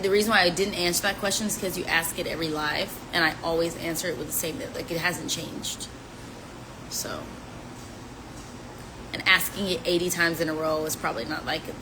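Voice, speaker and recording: On a phone live stream with background noise, a woman in her twenties answers fan questions, chatting casually, teasing, and tossing in playful rhymes. Her voice is low-pitched, with fairly even intonation and a normal speed.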